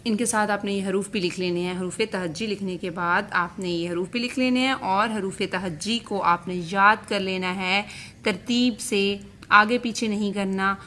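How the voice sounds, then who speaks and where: A woman's voice: medium pitch, steady tone, normal speed, sharp tone, slight background noise. A woman teacher with a Pakistani Urdu accent, patiently reading out letters one by one for young pupils. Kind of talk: recorded class lesson.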